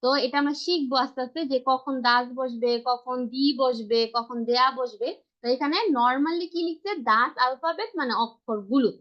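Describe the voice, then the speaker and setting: A woman's voice: sits high, normal speed. A woman teaching a language class over a video call, patiently repeating and spelling out each letter. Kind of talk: online class instruction. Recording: dull lo-fi video call audio.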